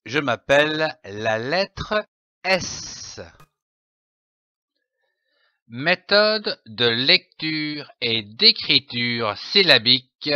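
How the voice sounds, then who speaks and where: A man narrates a reading lesson at a very slow, deliberate pace, spelling words out letter by letter. His voice is bright and forceful, with a lively rise and fall. The recording is dry and a little dull, like lo-fi voice-over. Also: a little high, no echo. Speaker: reading teacher.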